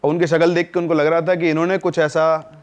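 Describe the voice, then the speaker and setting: A man telling a spooky story in a casual, conversational way, with dramatic pauses. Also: fairly high pitch, flat delivery, dull audio. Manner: conversational, dramatic pauses, addresses listener as bhai sahab. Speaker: storyteller guest.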